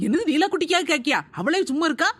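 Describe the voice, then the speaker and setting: A woman's voice: high-pitched, animated, fast talker, a bit bright, slight background noise. A woman playing a busy mother in a family comedy skit, coaxing her children.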